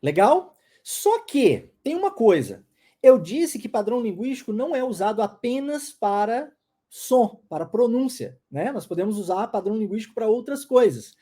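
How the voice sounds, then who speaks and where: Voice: mid-range voice, sing-song, moderate pace, warm tone. An English teacher, explaining step by step in an online pronunciation lesson and modeling phrases for listeners to repeat.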